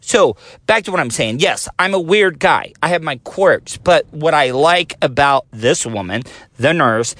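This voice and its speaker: Animated and measured in pace, a man in his forties hosts a casual solo podcast in a thin, fairly high, slightly bright voice. He rambles and runs himself down, and the phone recording is dry.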